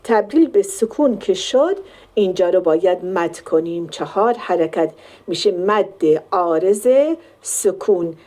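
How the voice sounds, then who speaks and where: Woman teaching Quran recitation, mellow voice. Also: fairly low pitch. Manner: explains step by step, stretches sample words slowly. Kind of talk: Quran tajweed lesson.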